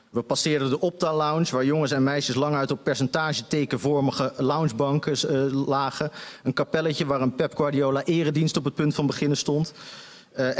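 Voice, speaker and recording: Guy reading his funny story out loud on stage, middle pitch, big echoey hall. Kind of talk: live reading of a comic story. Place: stage of a debate venue.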